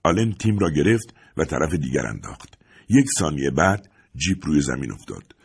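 A man's voice: very deep voice, gravelly, slightly rough. A man narrating an adventure audiobook, telling the story expressively. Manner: expressive storytelling with lively swings. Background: faint music.

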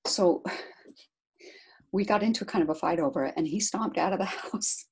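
Middle-aged woman, low husky voice, chatty storyteller, laughs a lot. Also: normal speed. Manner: chatty, animated storyteller who laughs often. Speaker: guest, caregiver to her husband. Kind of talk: casual interview storytelling.

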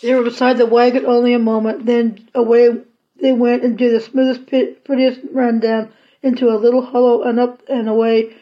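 A woman reading a children's novel aloud chapter by chapter, in an unhurried, plain storybook way. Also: on the high side. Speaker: audiobook reader. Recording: slightly dull lo-fi recording.

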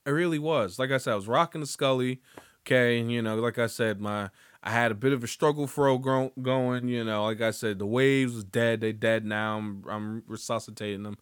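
Talking a little fast in a steady, smooth, medium-pitched voice, this podcast host rambles through a casual solo show, cracking jokes and swearing freely. The studio sound is clean, with no room echo.

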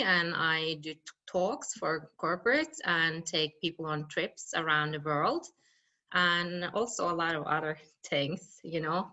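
A woman with a Norwegian accent answers interview questions, her voice slightly low but bright. She speaks hesitantly, pausing often and filling the gaps with ums and uhs. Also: lo-fi sound. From Norway. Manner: hesitant, many fillers. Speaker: guest, mountaineer and entrepreneur.

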